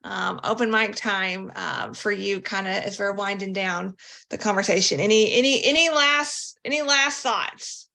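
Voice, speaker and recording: Bright-voiced woman hosting a podcast. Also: mid-range voice, a little slow, creaky. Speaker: podcast host. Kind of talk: casual interview hosting.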